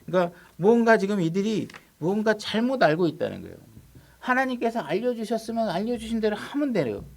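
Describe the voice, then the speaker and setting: A man's voice: high voice, sing-song, fairly quick, creaky. A male pastor preaching a sermon. He is emphatic, repeats his questions, and acts out people's prayers and God's replies in a casual voice.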